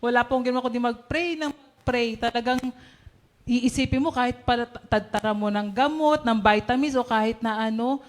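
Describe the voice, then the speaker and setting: A woman shares her testimony at a prayer meeting, her voice sitting a little high. She talks cheerfully, laughs often and acts out little quoted scenes. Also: moderate pace. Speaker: church member giving testimony.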